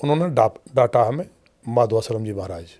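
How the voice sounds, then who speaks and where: A man who is a state legislator, answering interview questions at length in a measured storytelling way and using formal honorifics for other leaders. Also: medium pitch, lively intonation, dark tone. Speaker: politician guest, state legislator. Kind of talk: long-form podcast interview answers.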